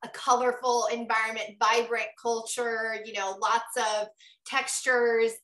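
Bright, eager woman host. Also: fairly high pitch, flat delivery, a little slow, echoey room. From United States. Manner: enthusiastic, effusive, many fillers. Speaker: podcast host. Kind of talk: casual interview conversation.

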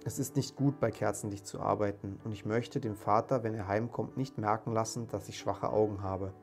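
A man voicing a worried mother of a poor family, speaking gently and softly anxious. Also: lowish voice, fairly even intonation, normal speed, soft background music, natural voice.

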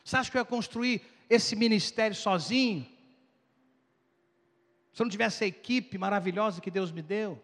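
A male pastor preaching a sermon with animated, dramatic storytelling. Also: high voice, normal speed, long pauses, in a large hall.

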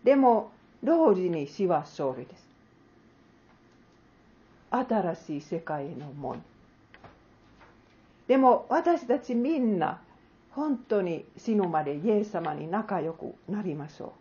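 A woman with a lowish voice preaches earnestly, often asking questions of her listeners. Her pitch rises and falls in a lively way. The recording sounds dull and lo-fi. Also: slow, long pauses. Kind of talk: sermon with closing prayer.

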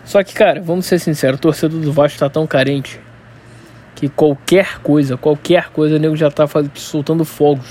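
A man with a Carioca accent ranting casually and unscripted in Rio street slang, swearing heavily, stammering and repeating words as he tells things in an animated way. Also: on the high side, moderate pace, a little hiss or hum. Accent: Carioca, Rio de Janeiro. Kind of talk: casual unscripted solo rant.

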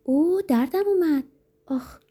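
Brief: a woman doing a pampered young woman in a spoken storybook, high and breathy, coaxing to pleading. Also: expressive, dark tone. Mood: frightened, pleading. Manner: coaxing, then shrill and pleading.

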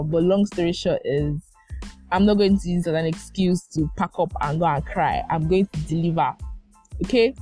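Low-voiced young Nigerian woman podcaster. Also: darkish tone. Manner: chatty and emphatic, repeats phrases for effect. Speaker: podcast host. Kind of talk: casual solo podcast chat.

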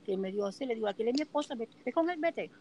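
A woman chatting on a talk show, telling expressive anecdotes full of quoted dialogue. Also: fairly high pitch, racing, a little hiss or hum, rough recording. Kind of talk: casual chat.

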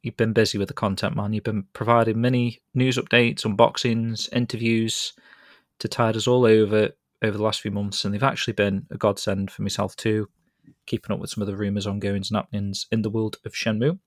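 In this casual podcast chat, the host is a man with a British accent who rambles chattily and laughs readily. His voice is on the low side and level in tone, with a brisk delivery. The recording is dry, with clean studio sound.

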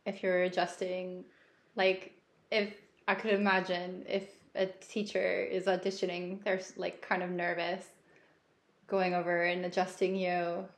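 A woman co-hosting a podcast and teaching yoga, chatting in a relaxed way with many fillers. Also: fairly low pitch, unhurried. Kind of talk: casual podcast chat. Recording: roomy echoey recording.

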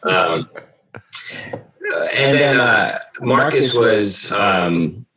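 A man's voice: expressive, extremely slow, bright, forceful tone, slight background noise. Man on a glitchy robotic call line. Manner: hesitant, full of ums. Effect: glitchy robotic call audio with sudden pitch jumps. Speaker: comics writer and guest. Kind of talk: casual interview over a call. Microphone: video call. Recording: echoey, distant call audio.

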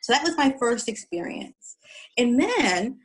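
A woman's voice: sits high, very animated, a little slow, poor audio. A woman from the East Coast, telling her story as an interview guest, reflective and often repeating words as she searches for them.

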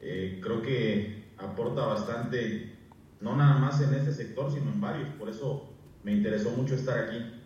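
A man's voice: mid-range voice, normal speed, darkish tone, slight background noise. A man in his thirties introducing himself on a video call, hesitant and full of fillers. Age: 30s. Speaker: workshop participant, sales team manager. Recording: distant, dull, echoey video call audio.

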